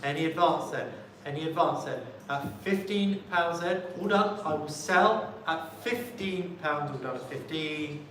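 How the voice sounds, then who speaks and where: A man's voice: on the high side, unhurried, few pauses, a bit bright. Echoey male auctioneer calling bids in repetitive chant. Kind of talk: live auctioneering patter, repeating bids. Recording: very echoey room, distant mic, faint noise.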